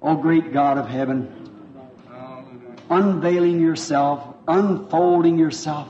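Preacher guy, folksy and fervent, mellow voice kinda high, muffled old tape sound. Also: slow. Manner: fervent, folksy, repeats himself. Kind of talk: revival sermon with interpreter. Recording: dull lo-fi old sermon tape.

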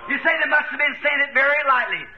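A man preaching a fervent sermon in English, swinging from hushed whispers to shouts. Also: very high voice, fairly quick, crowd noise. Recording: dull lo-fi archive recording with faint hiss.

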